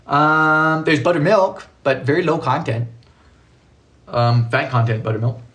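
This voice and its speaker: A man's voice: on the high side, unhurried, fairly bright tone. A man hosting a live baking stream from his kitchen, chatting casually with viewers, playful and joking, laughing often. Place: home kitchen.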